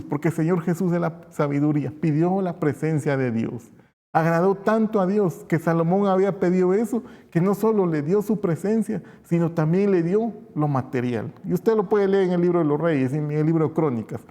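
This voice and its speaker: Guatemalan man preaching, high mellow voice, keeps asking why and answering, long church echo. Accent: Guatemalan Spanish. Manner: explanatory, asks and answers his own rhetorical questions. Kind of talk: sermon. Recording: long reverb of a church hall.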